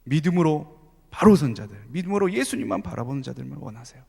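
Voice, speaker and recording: A male youth pastor preaching with sweeping, animated pitch, tossing rhetorical questions to the congregation. His fairly high voice carries into the long reverb of a large sanctuary, heard through a pulpit microphone. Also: fast talker, creaky, slightly rough. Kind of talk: sermon. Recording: long church hall reverb.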